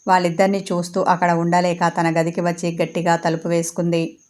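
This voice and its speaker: A woman author reading her own serialized romance story in a steady, even narration. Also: fairly low pitch, a little fast.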